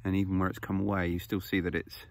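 A man in his thirties hosts a foraging vlog on a grassy hill, filming himself with a phone held close and explaining things casually with fillers. His low, creaky voice is flat, quick and darkish, with no echo.

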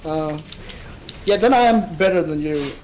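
A man chatting casually and joking while playing a game with friends, shouting short bursts during the action. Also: on the high side, animated, unhurried, slight background noise, rough recording. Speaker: co-host gamer. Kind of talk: casual gaming chat.

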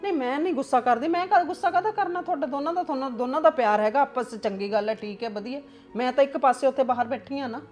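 A scheming mother-in-law, played by a woman in a homemade family drama scolds and lectures with a suspicious edge. Her voice sits a touch high, with soft music faintly under it. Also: fast, natural voice. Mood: lecturing. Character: scheming nagging middle-aged mother-in-law.

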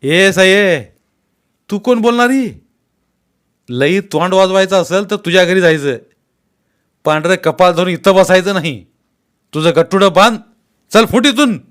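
Man reads as raging village bully uncle, storybook reading, yells high and loud, threatening. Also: unhurried, long pauses, clean tone. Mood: furious shouting. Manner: shouting threats. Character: furious village uncle, middle-aged man, violent bully.

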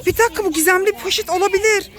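A woman's voice: extremely high pitch, fairly even intonation, rapid-fire. A woman with a Turkish accent filming a family play vlog, talking to her children as their mother and warning them with lots of drama.

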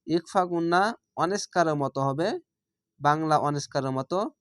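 A man teaching how to recite a short chapter, stretching each verse slowly and then explaining the pronunciation rules. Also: on the high side, no echo, studio quality. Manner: slow drawn-out recitation alternating with plain explanation. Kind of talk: tajweed lesson for learners.

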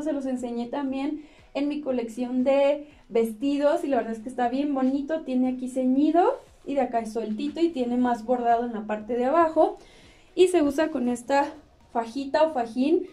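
Young Mexican woman fashion vlogger, high mellow voice, chatty and upbeat, mic a touch distant. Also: moderate pace. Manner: cheerful, chatty, laughs often. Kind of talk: casual chat to camera. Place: small indoor room with clothes rack.

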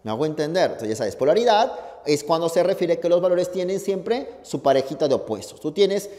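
A man teaching a class, quizzing students with quick questions as he lectures. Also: fairly high pitch, expressive, mellow. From Peru. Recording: long hall reverb.

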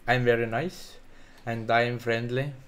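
A man with an Estonian accent, chatting casually on his livestream in halting, broken English and swearing freely. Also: mid-range voice, fairly even intonation, clear, resonant tone. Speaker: streamer.

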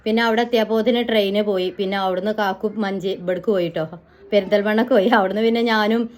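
A woman's voice: mid-range voice, fairly even intonation, racing. A middle-aged woman, telling a family story to her viewers in a chatty, rambling way. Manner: chatty, rambling, often ends with "kettō". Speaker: family vlogger.

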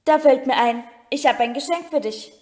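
A woman's voice: high voice, moderate pace, darkish tone, close to an everyday voice. A woman reading aloud as a big tearful groundskeeper, blunt and colloquial, her voice slightly raised. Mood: gruff. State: crying. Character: sobbing remorseful giant male groundskeeper.

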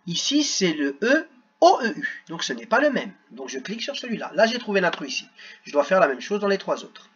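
A man's voice: high-pitched, very animated, a little fast, fairly bright tone, muffled recording, slight background noise. A man teaching young children at a computer, sounding out words syllable by syllable. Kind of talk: screen-recorded lesson for children.

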